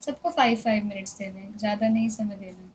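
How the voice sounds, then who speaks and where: A woman's voice: medium pitch, brisk, a little mellow. A young woman teaching a singing lesson, patiently checking that students follow and drawing out syllables to demonstrate. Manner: patient, checks understanding often. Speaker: music teacher. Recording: dull lo-fi sound with faint noise.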